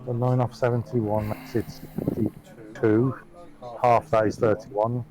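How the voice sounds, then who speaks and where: A man's voice: mid-range voice, flat delivery, measured pace, a little mellow, low-quality recording. A man playing a tabletop game, working out numbers aloud in casual chat. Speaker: player.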